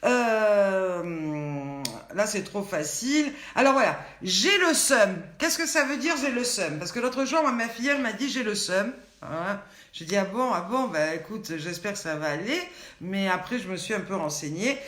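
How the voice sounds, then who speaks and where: A woman's voice: mid-range voice, expressive, moderate pace, a bit bright. An older woman hosting a live online show, playfully quizzing viewers and reading out their names and comments. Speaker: host of a daily online show. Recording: echoey room.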